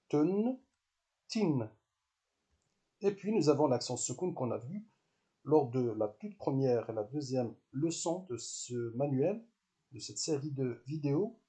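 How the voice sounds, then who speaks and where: A man teaching a language lesson, explaining step by step with patience, repeating syllables slowly and pausing with hesitant fillers. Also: fairly high pitch, dark tone.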